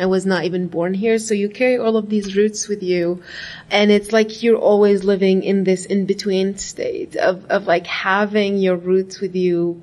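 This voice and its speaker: Reflecting in a casual interview, an Iraqi graduate student leans heavily on "like" and "right?". Her voice is medium-pitched and darkish.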